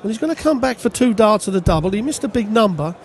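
A man's voice: high-pitched, lively intonation, fast talker. A man co-commentating on a darts match, giving chatty, opinionated analysis of the players. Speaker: darts pundit. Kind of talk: live sports commentary.

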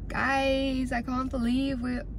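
A young woman in her twenties talking casually to her viewers in an excitable, chatty travel vlog, full of "like" and "guys". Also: high-pitched, slow pace, over music, rough recording. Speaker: vlogger.

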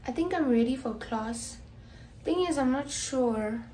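In her small dorm room, a young South African student vlogger chats casually to a phone camera held at arm's length, rambling and slipping into whispered asides. Her high voice is expressive and mellow at a measured pace, with a little hiss or hum in the recording.

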